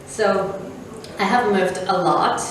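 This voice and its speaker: Lady founder answering questions slowly, lots of ums, distant mic, faint hiss behind. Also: mid-range voice, heavy reverb. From Venezuela. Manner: thoughtful, many fillers, measured. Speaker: startup founder and CEO. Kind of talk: interview answers.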